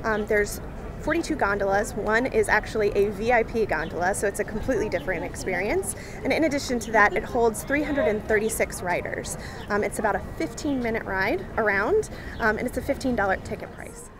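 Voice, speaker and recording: A young woman talks up an attraction in an upbeat interview, dropping little ums as she goes. She stands on an outdoor waterfront plaza, and clear outdoor noise runs under her voice. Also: medium pitch, fairly quick. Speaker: marketing director interviewed as guest. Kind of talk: promotional interview.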